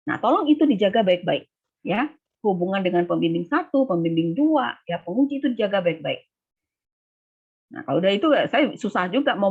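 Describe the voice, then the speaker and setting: A middle-aged woman lecturer advises her nursing students over a video call, animated and acting out quotes from both sides in a higher voice. Her voice sits at an ordinary pitch. The call audio is thin and tinny, like a phone line. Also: husky. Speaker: nursing lecturer and thesis coordinator. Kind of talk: online briefing to students.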